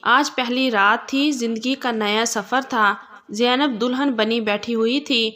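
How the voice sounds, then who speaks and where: A woman storyteller reading a scripted domestic tale in a calm, even way. Her voice sits fairly high.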